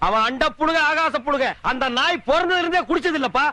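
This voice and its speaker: A man's voice: extremely high pitch, a little fast, sharp tone, dry recording. An actor playing a sarcastic, scolding village man in a film comedy, speaking. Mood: mocking. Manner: scolding, mocking, sarcastic retorts. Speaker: comic lead in film scenes. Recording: film soundtrack with background music.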